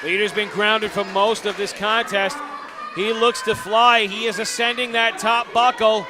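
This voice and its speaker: A man's voice: high voice, fairly even intonation, unhurried, noisy background. A man working as a wrestling commentator, calling the action live in emphatic, formal, dramatic phrases. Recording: loud venue crowd behind. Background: live crowd.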